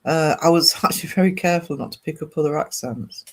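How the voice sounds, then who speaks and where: Talking fast in a slightly high voice, a British-accented man from the north of England runs a livestream. He chats loosely and ramblingly, working through viewer comments and replying to them.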